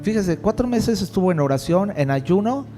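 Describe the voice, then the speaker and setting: A male pastor preaching a sermon in a lively, conversational way, with jokes and rhetorical questions. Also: sits high, moderate pace, soft background music.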